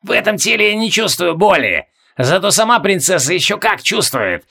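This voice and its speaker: Gravelly, rude possessing sorceress read by a man, bored and cutting, audiobook villain. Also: high voice, big pitch swings, normal speed, bright, forceful tone, pitched above the performer's own voice, exaggerated voice.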